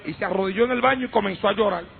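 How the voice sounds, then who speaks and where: A man preaching a fervent Pentecostal sermon, telling stories and breaking into shouted praise, on a tinny old radio recording. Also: high-pitched, racing, creaky.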